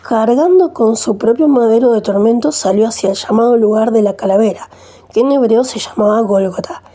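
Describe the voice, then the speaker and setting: Woman Bible reader, steady delivery, dark mellow tone, slightly high voice. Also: a little fast. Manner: steady reading with small slips. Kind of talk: scripture reading.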